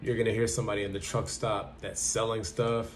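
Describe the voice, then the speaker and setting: In a small, bare indoor room, a young man who drives trucks gives advice for his vlog, talking bluntly and casually to camera and repeating himself conversationally. He speaks briskly in a lowish voice with little pitch movement, over slight background noise.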